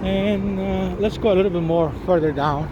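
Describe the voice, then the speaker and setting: A man with a high voice films himself at a moderate pace as he walks a city riverside walkway, pointing things out with eager commentary, repeating words and restarting phrases. He sounds slightly hoarse and coughs. Recorded on a handheld camera or phone, his voice competes with street noise, sirens and boats.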